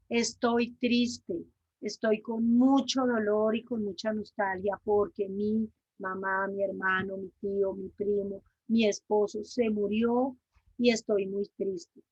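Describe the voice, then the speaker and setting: Woman lecturing at a conference, husky and kinda high, earnest, muffled lo-fi sound. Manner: earnest, repeats key points for emphasis. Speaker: grief counselor giving a talk.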